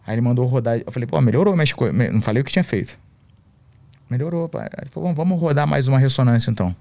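A man's voice: mid-range voice, racing, vocal fry, darkish tone, no echo. A man, a podcast guest and MMA coach, telling a story in slangy, swear-filled casual talk.

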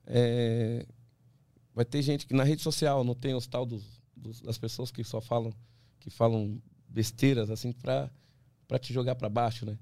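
A man, an ultramarathon runner from Brazil, talking as a podcast guest, animated and full of restarts, acting out what others say. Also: mid-range voice, unhurried, no echo. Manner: animated storyteller, many restarts, acts out quoted voices. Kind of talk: casual interview talk.

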